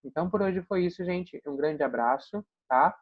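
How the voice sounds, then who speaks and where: Brazilian male teacher, husky tone, patient explainer, dull lo-fi take. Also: fairly high pitch, normal speed. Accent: Brazilian Portuguese. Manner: patient, explanatory, tags sentences with "né?" and "tá?". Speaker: English teacher. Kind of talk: recorded online grammar lesson. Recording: dull, lo-fi, dry recording.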